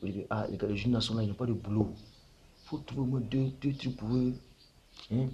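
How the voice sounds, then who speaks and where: A man's voice: lowish voice, fairly quick, warm tone, breathy edge, dull audio. A man talking casually as a spiritual teacher, explaining his points with frequent rhetorical questions.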